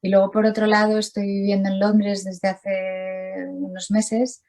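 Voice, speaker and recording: A middle-aged Spanish-speaking woman, an artist appearing as an interview guest, chats casually over a video call, rambling with lots of restarts and fillers. Her mid-range voice is warm and measured, with little pitch movement.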